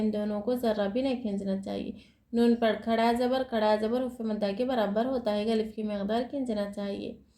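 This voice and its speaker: A woman's voice: a little high, a little mellow, roomy sound. A woman teaching Quran reading rules in an online lesson, explaining patiently, repeating each rule and asking and answering her own questions.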